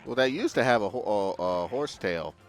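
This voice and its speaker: Male gaming host, lowish voice, casual let's-play commentary over faint game music. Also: animated, brisk.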